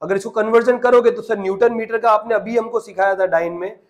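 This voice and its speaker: A man's voice: high-pitched, fairly even intonation, fast. A man teaching a physics lesson online, coaxing the class along and asking check questions as he works through units. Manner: coaxing, asks the class check questions, mixes English terms into Hindi.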